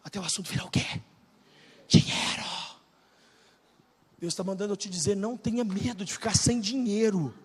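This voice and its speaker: A Brazilian pastor in his forties preaching a sermon, swinging from shouted bursts to low, confiding talk. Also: normal speed, long pauses, slightly rough. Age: 40s. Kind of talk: energetic sermon. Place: large church hall, live audience. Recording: reverberant church hall.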